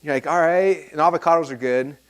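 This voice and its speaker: A man speaks quickly to a room full of people at a seminar, piling up fillers and restarting his sentences as he goes. His voice sits a little high for a man. He tells his stories in a loose, animated way. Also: clear, resonant tone. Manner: rambling, animated storytelling with many fillers and restarts. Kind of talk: live seminar talk to an audience.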